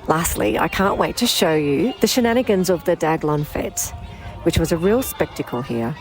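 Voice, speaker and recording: Raspy, low-pitched Australian woman with a cold. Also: expressive, normal speed, poor audio. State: head cold. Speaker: vlogger narrating her life in rural France. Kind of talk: vlog narration and casual chat.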